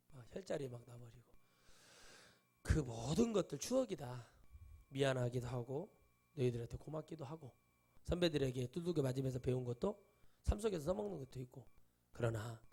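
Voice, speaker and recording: A middle-aged man preaching a sermon as a pastor in a church, telling stories in casual speech, acting out the voices of people he quotes and breaking into sudden loud bursts. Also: medium pitch, husky. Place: church sanctuary.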